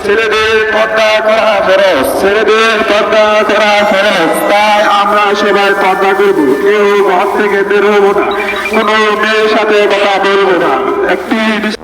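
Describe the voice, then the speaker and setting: A man making a public announcement through a megaphone, flatly repeating each line. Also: sits high, a little slow. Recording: echoey outdoor loudspeaker with loud noise.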